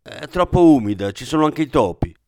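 Tense, insistent shopkeeper's wife put on by a male narrator in a storybook reading, higher and sharper. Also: big pitch swings, fairly quick, darkish tone, no room sound, studio quality. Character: anxious sharp-tongued older shopkeeper's wife.

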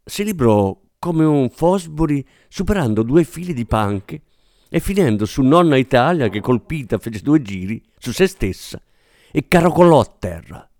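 A man narrates a novel with a lively, dramatic delivery that rises and falls freely. The recording is dry and close to the mic. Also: medium pitch, normal speed, no echo. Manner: expressive, dramatic, does character voices.

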